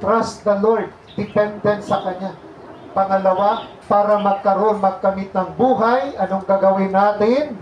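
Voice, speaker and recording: A man's voice: high voice, steady tone, a little slow, reverberant, muffled recording, slight background noise. A man, a priest, giving a homily to a congregation in a conversational way, asking them questions and slipping in English phrases.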